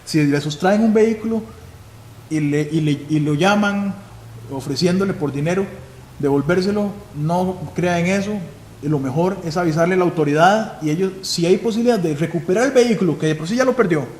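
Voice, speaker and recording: A man's voice: high-pitched, brisk, a little mellow. A man with a Costa Rican accent, a police chief giving a live security seminar, who asks questions and then answers them himself. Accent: Costa Rican Spanish. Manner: instructive, asks and answers his own questions. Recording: echoey hall with faint noise.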